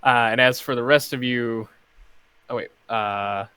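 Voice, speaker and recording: A man running a tabletop game, narrating casually with lots of fillers and pauses. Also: mid-range voice, fairly even intonation, pushed and bright, smooth, no echo. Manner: casual, hesitant with many fillers. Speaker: game master.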